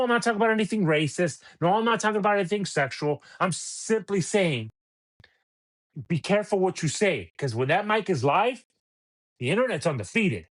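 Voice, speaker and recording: A middle-aged man hosting a podcast, ranting about sports radio with exasperated rhetorical questions. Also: high voice. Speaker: podcast host. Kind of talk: opinionated sports rant.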